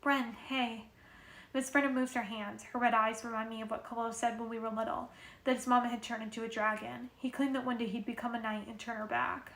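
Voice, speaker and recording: A woman's voice: on the high side, flat delivery, fast, vocal fry, fairly bright tone. A woman reading a novel aloud in a casual way, with occasional restarts. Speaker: reader. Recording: roomy echo.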